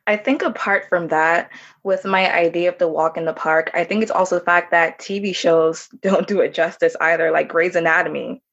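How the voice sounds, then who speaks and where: A young woman from Jamaica, a medical student guest, answering interview questions in a calm, measured way. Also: lowish voice. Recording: dull lo-fi remote audio.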